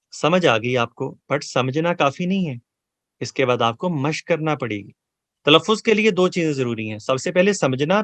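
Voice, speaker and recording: A man teaching Quran memorization, explaining pronunciation in earnest, repetitive coaching and reciting verses slowly for students to repeat. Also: medium pitch, fairly bright tone, dry recording. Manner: slow drawn-out chanted recitation between explanations; earnest, repetitive coaching, asks and answers his own questions.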